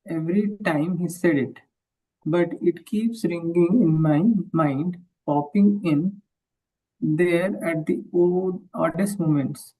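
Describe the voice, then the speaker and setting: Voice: medium pitch, warm tone, far from the mic, poor audio. A speaker from India, reading a book aloud and discussing it, often stopping to reread and repeat phrases. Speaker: book reader.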